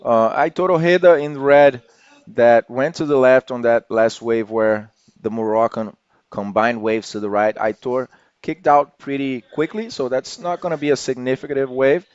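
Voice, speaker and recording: A man's voice: medium pitch, fairly even intonation, moderate pace, smooth, no echo, muffled recording. A man giving live sports commentary as one of the broadcast's commentators.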